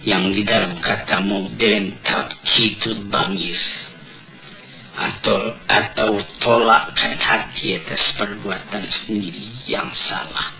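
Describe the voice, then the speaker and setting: A man preaching a sermon on an old cassette tape recording, deliberate and emphatic, asking rhetorical questions. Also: fairly low pitch, gravelly, highs cut off, over loud music.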